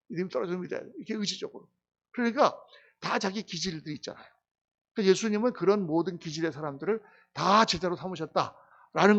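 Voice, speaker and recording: A middle-aged man preaching a Bible exposition sermon as pastor, animated, who asks his listeners questions and answers them himself. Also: high voice, dull audio. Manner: animated, acts out quoted disciples with sudden loud bursts.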